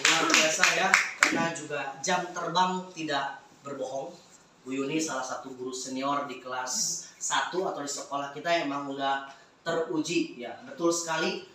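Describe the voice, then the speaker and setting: A man leading a teacher training session, lively and encouraging, with fillers. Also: on the high side, slight background noise. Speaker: workshop facilitator. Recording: echoey room from far off.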